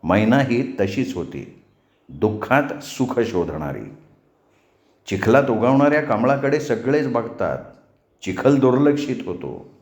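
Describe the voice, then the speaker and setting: A man narrating a novel as a storyteller, with a measured, expressive reading. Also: medium pitch. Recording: roomy echo.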